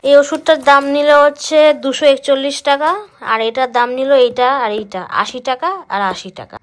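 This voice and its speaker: Fast-talking woman vlogger. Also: sits high. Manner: chatty, talks to viewers directly. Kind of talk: casual home vlog.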